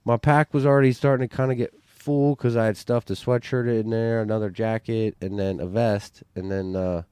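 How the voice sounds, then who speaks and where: A man's voice: on the low side, fairly even intonation, moderate pace, darkish tone, clear, resonant tone, no echo. A man in casual podcast chat, telling a story in a rambling way with lots of fillers and restarts. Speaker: bowhunter on a hunting podcast.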